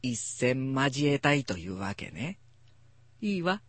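A man's voice: medium pitch, very animated, slow pace, a bit bright, breathy edge, dry recording, exaggerated voice. A man voicing a sly, self-assured female cat, speaking in a coy, scheming way.

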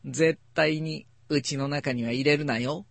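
A man voicing a grumpy, cat-hating husband who talks in a gruff, blustering way. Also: fairly high pitch, steady tone, unhurried, a bit bright, no echo. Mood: grumbling.

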